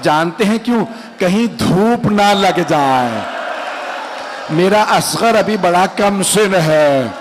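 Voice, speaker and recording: A man's voice: high-pitched, animated, slow pace, crowd noise, background noise. A man, a cleric, delivering a mournful Muharram majlis sermon and speaking straight to his listeners. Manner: mournful, emotional storytelling that addresses the audience directly.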